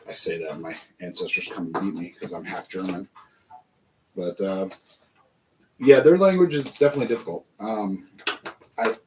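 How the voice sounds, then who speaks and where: A man's voice: medium pitch, darkish tone, rough recording. American guy rambling on his build stream, asks himself lots of questions, bit of faint noise behind. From United States. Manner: rambling, musing aloud with rhetorical questions. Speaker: livestream host building toy bricks. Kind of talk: rambling casual chat.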